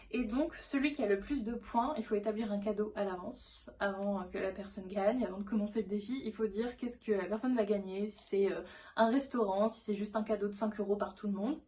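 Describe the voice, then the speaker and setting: A woman's voice: mid-range voice, brisk, mellow. A young woman vlogging in a casual, chatty way. She rambles and talks enthusiastically, with many fillers and restarts. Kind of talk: casual vlog chat.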